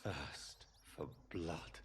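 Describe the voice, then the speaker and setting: An actor playing a brooding male vampire in a video game, hushed and disgusted by his own thirst. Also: very deep voice, very slow, heavy background noise, exaggerated voice. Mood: anguished, brooding. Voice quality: hushed, half-whispered. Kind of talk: game character inner monologue.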